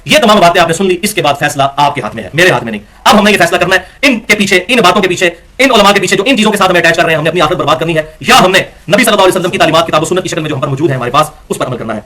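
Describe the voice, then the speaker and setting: Man, religious lecture, high-pitched, bright and sharp tone, emphatic, argumentative. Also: animated. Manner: emphatic and argumentative, slowing to recite Arabic verses. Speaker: religious speaker.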